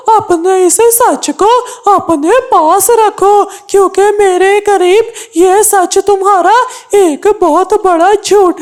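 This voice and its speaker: Cartoon: proud, touchy old male crow, high-pitched and unhurried, a woman voicing him. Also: darkish tone. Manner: boastful, defensive. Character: boastful aging male crow, stubborn and hot-tempered. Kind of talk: cartoon voice acting.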